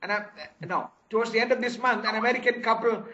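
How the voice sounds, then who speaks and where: 70s guy, formal and a bit halting, muffled call audio. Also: very high voice, fairly even intonation, sharp tone. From Kerala, India. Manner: formal, hesitant with restarts. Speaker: tourism and teacher-training organizer. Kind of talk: video call discussion. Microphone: video call.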